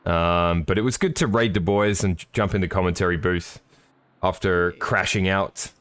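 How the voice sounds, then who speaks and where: A man's voice: low voice, steady tone, moderate pace, a bit bright, clear, resonant tone. A man giving live, chatty sim racing commentary with jokey, apologetic asides.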